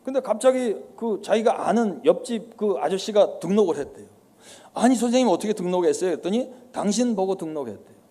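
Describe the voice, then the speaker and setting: A man's voice: high voice, animated, fairly quick, mellow. A male pastor preaching a sermon to a congregation, telling stories and acting out the dialogue, then exhorting the listeners directly.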